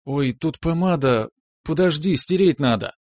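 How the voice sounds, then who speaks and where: A man's voice: a little high, lively intonation, unhurried, a little mellow, no echo, clean studio sound, pitched above the performer's own voice. A man voicing a fussy, coy young woman who scolds and fusses. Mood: flustered.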